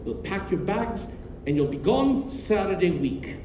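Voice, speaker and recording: Male actor formal controlling doctor, highish voice, stage drama, distant roomy recording. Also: sing-song, a little slow, noisy background. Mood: stern. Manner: formal, courteous, authoritative. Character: genteel, controlling doctor, uncle to orphan girl. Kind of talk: stage play acting.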